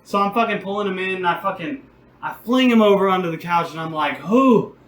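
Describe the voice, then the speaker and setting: A young man co-hosting a podcast, telling a long, rambling, profane story in a casual, animated way. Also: high voice, fast. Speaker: podcast co-host. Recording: roomy echo, faint background noise.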